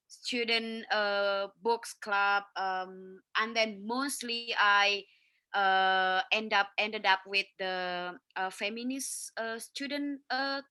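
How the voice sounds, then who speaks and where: Slow, bright-voiced woman on a video call. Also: medium pitch, smooth, no room sound. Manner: hesitant, many fillers and restarts. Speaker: panelist. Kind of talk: online panel talk.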